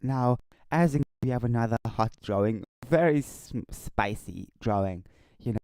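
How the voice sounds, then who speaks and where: A man giving casual off-the-cuff video commentary in a halting, repetitive way, stumbling over his words. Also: mid-range voice, lively intonation, darkish tone, smooth, no room sound. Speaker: online commentary video host.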